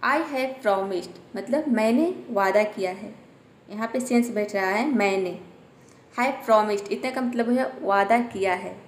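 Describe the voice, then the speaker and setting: A woman teaching English word by word, slowly repeating each word with its meaning. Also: medium pitch, reverberant. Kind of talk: explaining English sentences word by word in Hindi.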